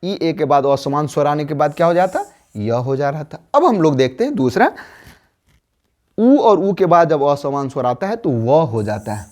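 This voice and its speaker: A man's voice: a little high, animated, a little mellow. A man teaching a Hindi grammar lesson, drawing out each word part and putting questions to the class before answering them himself. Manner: slow, drawn-out spelling of word parts with rising questions; quizzes listeners then answers himself.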